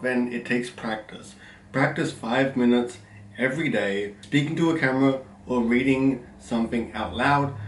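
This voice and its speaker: A man with a slight stutter, giving tips in an instructional vlog from a room at home, speaking loudly and deliberately. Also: mid-range voice, distant mic, slight background noise. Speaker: content creator giving tips. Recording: roomy, mic set back, faint ambience.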